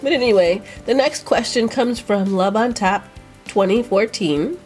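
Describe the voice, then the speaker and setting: A woman's voice: mid-range voice, unhurried, a little mellow, faint music behind. A woman vlogger, stuffy and sniffling with a cold, rambling in casual chat as she answers viewer questions. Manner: rambling, chatty, with fillers.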